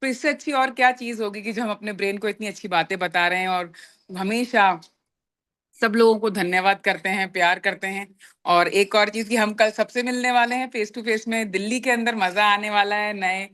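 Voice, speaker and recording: A woman's voice: medium pitch, normal speed, a bit bright. A woman leading a motivational business meeting, explaining with everyday examples in an earnest way. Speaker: business team leader. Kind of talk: motivational group talk.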